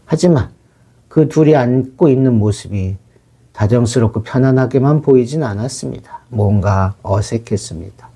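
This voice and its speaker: A man's voice: mid-range voice, normal speed, warm tone, breathy edge. A middle-aged counselor talking through a family case in a firm, lecturing way, re-enacting his stern talk with a child. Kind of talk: spoken commentary on a counseling case.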